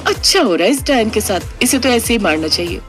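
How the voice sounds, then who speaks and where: A woman voicing a spiteful, sharp-tongued young sister. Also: expressive, fast talker, soft background music, lightly acted. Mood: taunting. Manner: high, taunting.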